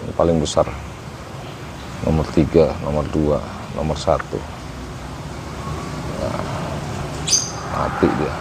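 Heavy background noise surrounds a man whose very deep, gravelly voice barely moves in pitch as he talks slowly, pausing often. In his thirties, he casually reviews a camping stove on a patio garden outdoors, explaining it step by step to viewers he calls guys.

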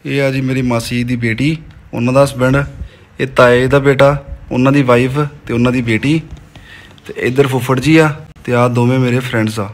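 In a laid-back family vlog, a young man jokes around with his wife and nephew while going through their wedding album, full of teasing banter. His voice sits at a medium pitch with a fairly even intonation and a moderate pace.

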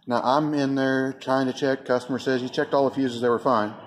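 A man's voice: medium pitch, steady tone, a little fast, slight background noise. A man, a mechanic talking in a frustrated, plain-spoken way in a casual shop vlog. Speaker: auto mechanic. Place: auto repair shop.

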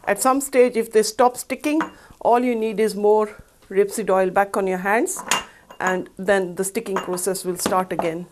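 A woman's voice: mid-range voice, steady tone, normal speed, background noise. Chatty woman hosting a cooking show. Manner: chatty, upbeat, explains each step while working. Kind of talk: cooking demonstration. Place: studio kitchen set, indoors.

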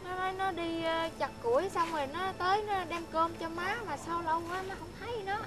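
An actress playing a frail, muddled old grandmother who coos and croons tenderly, with loud noise behind. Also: very high-pitched, fairly even intonation, over loud music. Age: older. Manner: soft, slow, crooning lullaby voice. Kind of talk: comic stage sketch acting.

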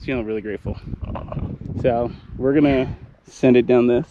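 A man's voice: medium pitch, steady tone, moderate pace, phone-quality sound, heavy background noise. A man vlogging casually outdoors on sand dunes, laid-back and chatty, often saying "like", recorded on an action camera. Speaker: travel vlogger. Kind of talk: casual on-camera vlog chat.

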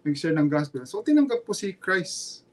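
Filipino guy telling his story on a podcast, kinda high voice, halting and repeats stuff, earnest. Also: sing-song. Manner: earnest, halting, repeats himself, mixes Tagalog and English. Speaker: former pro basketball player, guest. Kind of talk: casual podcast interview, personal testimony.

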